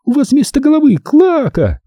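A fierce, volatile young actress, as a male narrator puts her on, her voice thin, girlish and pushed far above his own. She screams and snaps in a shrill, hysterical way, and her delivery swings widely in pitch. The audiobook reading is dry and close, with no room around it. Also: huge pitch swings, moderate pace, dark tone, slightly rough, no echo, exaggerated voice.

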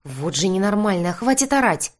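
A woman voicing a gruff, impatient young man from another world, who scolds and curses under his breath. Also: lowish voice, animated, normal speed. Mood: exasperated.

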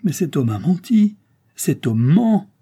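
A man's voice: medium pitch, moderate pace, mellow, slightly rough, close to an everyday voice. A man reading an audiobook, voicing a young Spanish noblewoman who is earnest, devoted and pleading in her emphatic exclamations. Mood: indignant.

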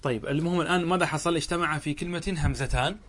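A man teaching a lesson on Arabic grammar, explaining rules step by step, asking questions and answering them himself, and drawing out example words slowly. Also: fairly high pitch, fairly bright tone.

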